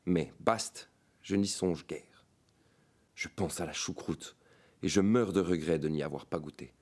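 A man narrating a fantastic short story in a measured, dramatic reading. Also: deep voice, darkish tone, slightly rough. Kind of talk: audiobook narration.

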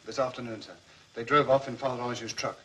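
An actor playing a dutiful soldier who gives respectful, matter-of-fact reports in a film. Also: male voice, mid-range voice, fairly even intonation, fast, bright, forceful tone, close to an everyday voice, low-quality recording. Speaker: sergeant reporting to the colonel.

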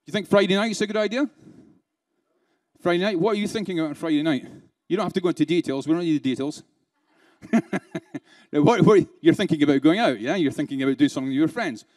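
Delivering a conference keynote before a live crowd in the hall, this man talks at a quick pace in a slightly high, darkish voice. He keeps things playful and interactive, tossing rhetorical questions at listeners and laughing softly between points.

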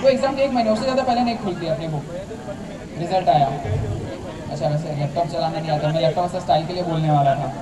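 Young male stand-up comic, high voice, animated storyteller, filmed far off in an echoey hall. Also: fast talker. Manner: animated storytelling, acting out family members. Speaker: stand-up comedian. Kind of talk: live stand-up comedy. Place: large tented college hall with a seated crowd. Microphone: handheld mic, filmed from far back in the audience. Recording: distant echoey hall with crowd noise. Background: audience laughter and chatter.

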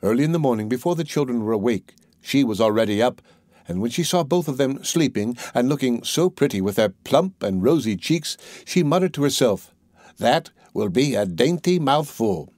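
A man reads a fairy tale aloud at a mid pitch, measured and even. His voice sits close and dry, with no room echo. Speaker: audiobook narrator. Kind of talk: scripted storybook narration.

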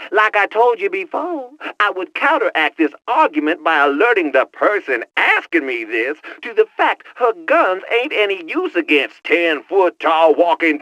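In a high-pitched, sharp, heavily acted voice on a dry recording, an actor plays a boastful young male hacker in a video game cutscene. He speaks teasing street slang over a headset.

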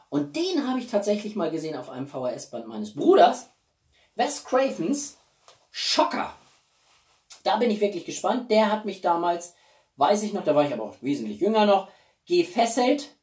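This man's voice is a little high with a darkish tone. He's a YouTube film reviewer and channel host, chatting casually to camera about a film collection, colloquial, emphatic and opinionated. He's indoors in a small room at home, and the distant mic makes it sound roomy.

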